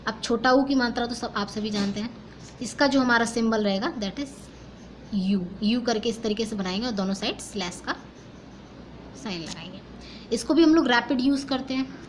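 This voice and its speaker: Young female teacher, Indian English accent, slightly high pitch, patient step-by-step explainer; light background noise. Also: poor audio. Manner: explains step by step, asks and answers own questions; mixes Hindi and English. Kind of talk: phonetics lesson.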